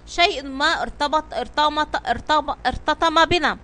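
Anxious sailor friend, male, quick to alarm, read by a woman. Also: high voice, pushed and bright. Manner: anxious, exclaiming.

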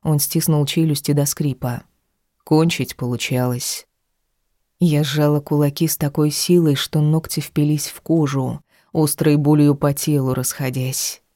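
A woman narrating a first-person novel aloud, expressive, with sharp rises in pitch on charged words. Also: moderate pace, few pauses, no room sound, clean studio sound. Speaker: audiobook narrator.

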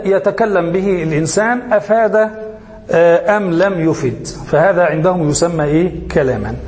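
A sheikh with a high voice gives a grammar lesson in a lingering, reverberant hall. He speaks slowly and deliberately and repeats key terms. He often stops on a question and lets his students finish the word. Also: a little mellow. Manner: asks questions and lets listeners finish them. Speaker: sheikh teaching Arabic grammar. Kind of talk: classroom lecture.

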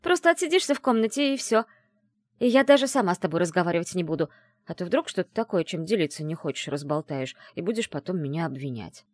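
A woman voicing a lively, scheming young female student of magic who talks bossily and excitedly. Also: lowish voice, no room sound, studio quality. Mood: agitated, bossy. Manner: bossy, fast and excitable.

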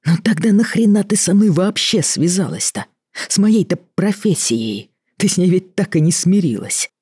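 Reader as a weary middle-aged doctor at the end of his rope; reproachful, husky, dry. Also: mid-range voice, expressive, a little mellow, dry recording, voice pushed up. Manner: tired, reproachful, measured. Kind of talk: audiobook reading.

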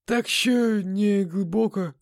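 A whiny, wheezing drunk thug from an audiobook , voiced by a male reader. His hissing voice sits high and thin, and his words tumble out in a frightened rush. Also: vocal fry, no room sound, studio quality, exaggerated voice. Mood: doubtful. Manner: rapid panicky gabbling.

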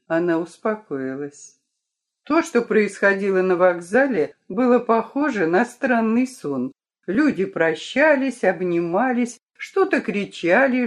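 Expressive woman reading a children's story. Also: medium pitch. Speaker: narrator. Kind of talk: storybook narration.

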